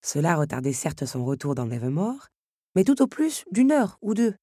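Low husky woman narrating. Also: big pitch swings, normal speed, dark tone, no echo, studio quality. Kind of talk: audiobook narration.

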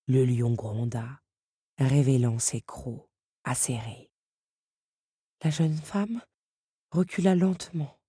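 Husky woman reading a storybook. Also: rumbling low, mellow, dry recording, studio quality. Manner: dramatic, varied, quickening in action. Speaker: narrator.

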